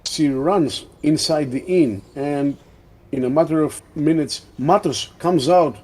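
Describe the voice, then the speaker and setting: A man narrating a tabletop role-playing game as game master, measured and descriptive. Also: a little high, a little mellow, rough recording.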